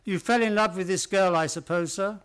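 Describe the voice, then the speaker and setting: Man playing high-pitched, genial gentleman doctor. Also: fairly quick, clean tone. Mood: courteous. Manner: genial, courteous, old-fashioned. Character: genial, loyal gentleman doctor, the detective's companion. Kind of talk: radio play acting.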